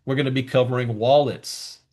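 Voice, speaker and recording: This is a man hosting a live online lesson at a middle pitch. He talks to his viewers in a chatty, emphatic way and leans hard on key words. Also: fairly even intonation, a little fast, a little mellow. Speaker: crypto educator hosting a live class. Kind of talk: live online teaching session.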